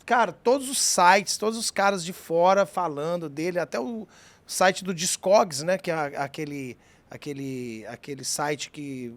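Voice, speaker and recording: Man, from Minas Gerais, podcast host, chatty, enthusiastic, high voice, dry sound. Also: measured pace, dry recording. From Minas Gerais, Brazil. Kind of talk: casual podcast interview.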